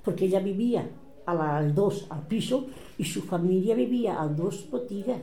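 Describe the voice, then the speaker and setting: An older woman with a Catalan accent recounts old family quarrels in a lively storytelling manner. She slips into the voices of the people she quotes. Her voice is very dark and mellow, and it rings in an echoey room. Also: mid-range voice, moderate pace. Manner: animated, acts out quoted voices. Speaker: relative recounting family history.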